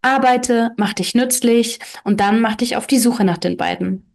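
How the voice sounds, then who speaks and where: A woman's voice: fairly high pitch, moderate pace, gravelly, a little mellow. Woman reading a confident free-spirited woman. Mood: persuasive. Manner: firm, lecturing. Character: self-assured woman preaching free love.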